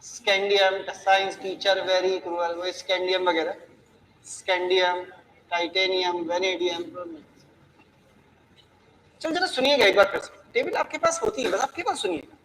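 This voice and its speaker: Man, chemistry teacher, high voice, playful classroom lecture, long hall reverb. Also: normal speed, a bit bright, a little hiss or hum. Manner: playful, asks the class questions.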